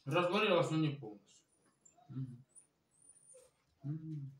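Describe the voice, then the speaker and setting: A man's voice: fairly high pitch, expressive, slow pace. Man talking with his mouth full. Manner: mumbling between bites, mixing Ukrainian and Russian. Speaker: mukbang vlogger. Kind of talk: casual eating vlog. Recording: roomy sound from far off the mic.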